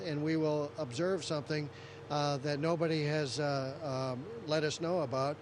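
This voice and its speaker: Astronaut man in interview, slightly high voice, halting explanations, faint machinery hum. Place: inside a space station. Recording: steady hum of spacecraft machinery.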